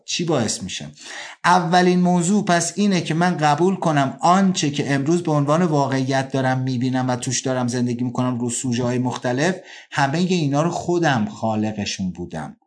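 A man giving an earnest self-help talk, slowing down to stress points and acting out everyday scenes in quick bursts. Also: medium pitch. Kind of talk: motivational talk.

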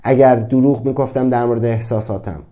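A man's voice: medium pitch, fairly even intonation, mellow. A man giving a motivational talk, earnest and reflective, asking many rhetorical questions. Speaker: speaker on self-acceptance.

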